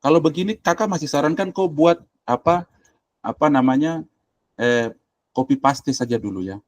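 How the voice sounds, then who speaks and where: A man's voice: fairly high pitch, moderate pace, dry recording. A man, a university lecturer giving blunt, casual instructions while working through a shared screen on a video call. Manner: blunt, directive, colloquial, thinking aloud while clicking. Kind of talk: informal screen-share tutoring.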